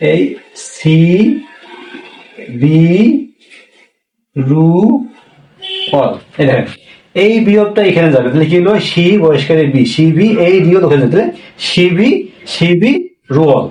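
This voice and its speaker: A man teaching a Korean lesson in Bengali, speaking slowly and repeating each word with a checking "yes?". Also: high voice, darkish tone. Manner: slow, repetitive, checks with "হ্যাঁ?". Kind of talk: classroom language lesson. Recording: echoey room, voice from far off.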